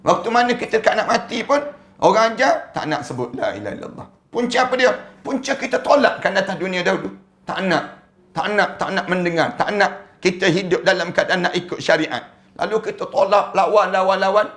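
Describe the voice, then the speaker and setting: A man with a Malaysian accent preaching a sermon, animated and full of rhetorical questions. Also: high-pitched, brisk. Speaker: Islamic preacher.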